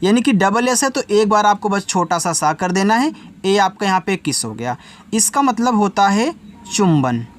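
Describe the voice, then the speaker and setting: A man giving a slow reading lesson, spelling each word letter by letter and repeating its meaning. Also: high-pitched, expressive, slight background noise. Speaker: English tutor.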